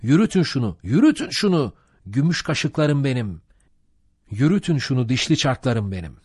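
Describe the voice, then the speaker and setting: A man's voice: medium pitch, expressive, normal speed, breathy edge, dry recording, clean studio sound, pitched above the performer's own voice. A man playing a jovial, coaxing boat mate. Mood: rousing. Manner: coaxing, preachy, rousing.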